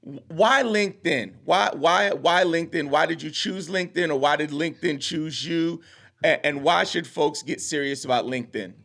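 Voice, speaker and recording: A male podcast host with a fairly high speaking voice, upbeat and eager. He asks his guest questions in a casual interview. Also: normal speed, creaky, fairly bright tone. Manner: upbeat, enthusiastic.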